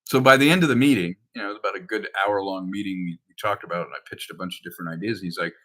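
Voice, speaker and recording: On a low-quality recording, a film director and screenwriter gives a very fast, casual rundown of his projects. His low voice is fairly bright, and he rambles anecdotally while acting out quoted lines.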